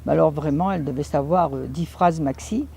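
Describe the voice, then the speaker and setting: A woman telling her own story in French in a lively anecdotal way, acting out the lines of people she quotes. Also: sits low, a little fast, gravelly, slightly rough. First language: Italian and French. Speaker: speaker recounting her life. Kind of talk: personal storytelling talk.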